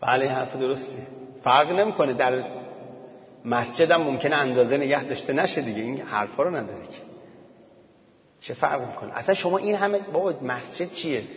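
A man's voice: medium pitch, lively intonation, husky. A man giving an informal religious talk as teacher, speaking conversationally and pressing his points with rhetorical questions. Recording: muffled sound with long hall reverb.

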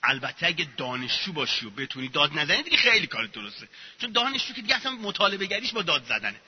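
A man's voice: fairly high pitch, very animated, breathy edge. A man giving an informal religious lecture, sarcastic and acting out mocking examples as he talks. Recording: muffled echoey hall recording.

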